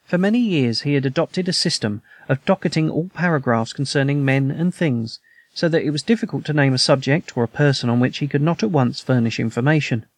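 A man narrating a classic detective story in a measured, even storytelling manner. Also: medium pitch, dry recording. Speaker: audiobook narrator. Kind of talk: scripted narration.

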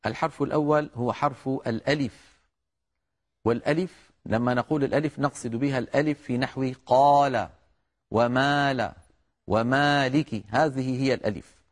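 Measured male recitation teacher. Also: medium pitch. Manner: measured, explanatory, addresses listeners as brothers. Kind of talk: instructional lecture on letter articulation.

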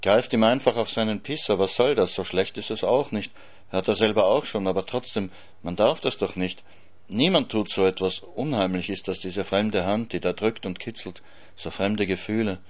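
Brief: male reader of literary prose, low-pitched voice, measured and sober, dry irony. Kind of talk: literary reading.

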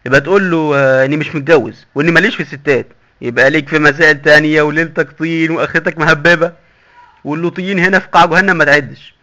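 A man's voice: on the high side, steady tone, very fast, pushed and bright. A man with an Egyptian accent voicing a boastful, sly male doctor in hell who lectures glibly and mockingly. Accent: Egyptian Arabic. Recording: dull lo-fi recording.

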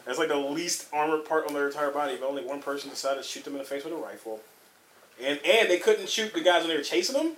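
Fast-talking ranting man, echoey room. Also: a little high, fairly bright tone. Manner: ranting, profane, exasperated retelling. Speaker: friend in group chat. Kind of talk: casual chat. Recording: echoey room, faint background noise.

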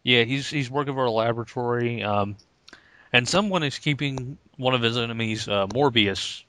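A man's voice: medium pitch, moderate pace, sharp tone, no echo. A man casually talking about comics, hesitant and laid-back with many ums. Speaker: comic book podcast co-host. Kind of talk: casual chat.

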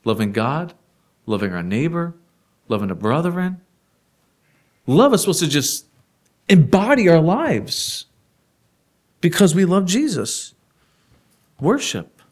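A man preaching a sermon in a conversational way, asking the congregation rhetorical questions and laughing softly now and then. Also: a little high, big pitch swings, slow, pauses often.

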